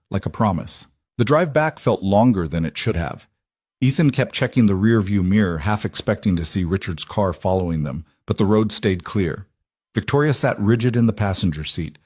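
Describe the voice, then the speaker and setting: Low, husky male story narrator. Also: darkish tone, no echo, studio quality.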